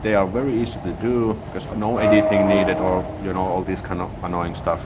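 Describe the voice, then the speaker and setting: A Finnish man with a deep voice hosts a laid-back YouTube live stream outdoors near a city train station, chatting briskly and reading viewer comments. He rambles and often restarts his sentences. His smartphone sits on a gimbal, and street noise comes through clearly behind him.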